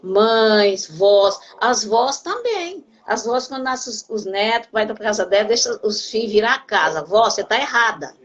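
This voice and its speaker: A woman's voice: on the high side, lively intonation, unhurried, few pauses, highs cut off. An older woman pastor with a Brazilian Portuguese accent, preaching earnestly on a broadcast program and calling her listeners brother.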